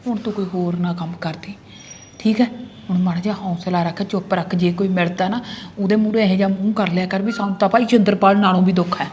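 An actress with a Punjabi accent playing a worried village wife who hushes and scolds her husband, pleading with him to be careful. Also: medium pitch, steady tone, fast, a little hiss or hum, natural voice. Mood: hushing. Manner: urgent, pleading, hushing. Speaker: actress in a short film. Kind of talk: village drama acting.

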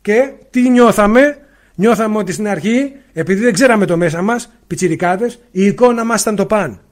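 A man giving a spiritual talk on a livestream, speaking loudly and emphatically into a faulty mic and asking rhetorical questions. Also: sits high. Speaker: spiritual teacher. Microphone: faulty mic, spoken loudly into it.

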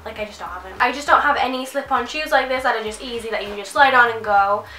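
Speaking fast, with a high-leaning, pushed and bright voice, a young fashion vlogger gushes about a clothing haul to camera, using "like" over and over. She's nasal and stuffy from a cold, recorded from a distance in a reverberant small bedroom, with a little hiss or hum.

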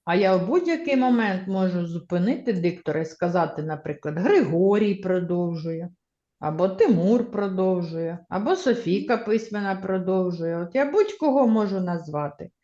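A woman's voice: on the low side, expressive, moderate pace, mellow. A woman teacher leading a primary school reading lesson, encouraging the children and having them repeat words after her. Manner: encouraging, leads class in choral repetition. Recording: echoey classroom, slightly dull sound.

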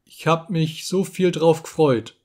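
A man's voice: on the high side, unhurried, darkish tone, voice pushed up. A man voicing a small, shy peasant boy with a childlike, breathless voice in a storybook reading. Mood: hushed, dreamy.

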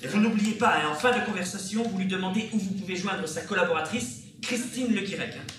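A man's voice: high-pitched, quick pace, natural voice. A man acting in an amateur stage comedy, playing an impatient, bossy man who is sarcastic and exasperated. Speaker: stage actor. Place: theater stage. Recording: echoey theater from far off, loud noise.

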